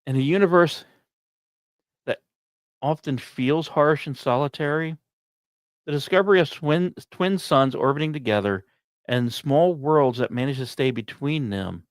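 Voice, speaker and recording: A man hosts a science podcast, reading scripted narration with casual asides and musings, leaving dramatic pauses between short phrases. His voice sits on the high side, and there's no room sound.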